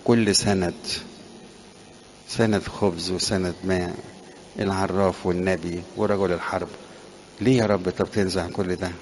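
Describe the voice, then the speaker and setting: A man's voice: low voice, steady tone, moderate pace, long pauses, a little mellow, a little hiss or hum. A man with an Egyptian Arabic accent preaching a sermon, asking questions of his listeners and answering them himself.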